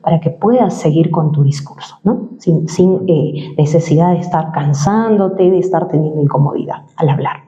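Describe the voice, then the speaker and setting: A woman's voice: low voice, normal speed, hardly any pauses, dark tone. A woman who works in voice-over and dubbing, explaining voice exercises in an interview and often ending points with a questioning tag. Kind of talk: interview, giving voice-training advice. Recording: roomy, slightly dull sound.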